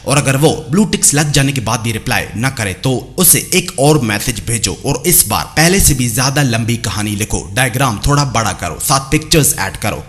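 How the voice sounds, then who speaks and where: A man's voice: mid-range voice, a bit bright. A man delivering a scripted, sarcastic voice-over monologue as a channel host, lecturing his listeners and calling them brothers.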